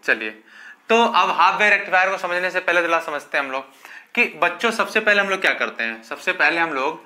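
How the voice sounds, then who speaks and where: This physics teacher's voice is high-pitched, pushed, and bright, with lively intonation and a fairly quick pace. Lecturing his class, he refers to the students as children, poses questions only to answer them himself, and fills his speech with repeated okays.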